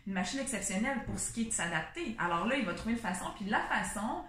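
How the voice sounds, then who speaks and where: A woman's voice: medium pitch, expressive, fast talker, a bit bright, roomy sound. A woman with a Québécois French accent, a nutritionist co-hosting a casual chat, who explains things step by step and thinks aloud with restarts. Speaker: nutritionist co-host.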